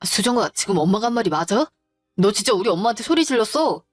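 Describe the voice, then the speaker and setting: A woman's voice: medium pitch, very animated, fast, no echo. An indignant young husband who takes his mother's side, as a woman storyteller puts him on. The delivery is reproachful, the sound dry and close, with faint music behind. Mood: accusing. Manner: accusing, reproachful.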